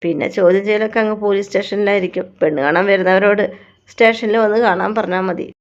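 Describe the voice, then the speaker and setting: A woman reading the lines of a male police officer who explains firmly and calmly. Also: mid-range voice, quick pace, dull audio, close to an everyday voice. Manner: firm and explaining.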